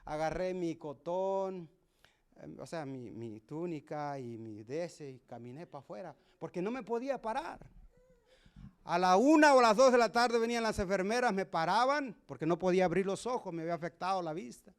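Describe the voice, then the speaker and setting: A man preaching a sermon testimony, moving between hushed and loud, emotional delivery. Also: high voice, animated, moderate pace, clean tone.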